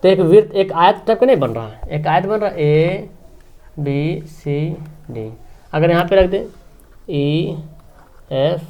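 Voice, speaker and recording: Male maths tutor, slightly high voice, explaining at the board with constant tag questions. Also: animated, fast talker, few pauses, mellow. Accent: Hindi regional, Bihar. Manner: talking while writing, frequent tag questions. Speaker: maths teacher.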